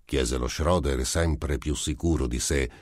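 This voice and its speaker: A man narrating a short story as an amateur audiobook reader, with steady, even storytelling. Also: very deep voice, unhurried, slightly rough, no echo, studio quality.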